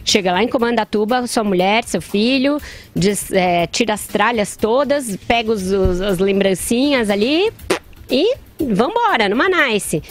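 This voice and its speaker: A woman's voice: a little high, lively intonation, unhurried, soft background music. A woman with a Brazilian accent giving sarcastic, mocking radio commentary.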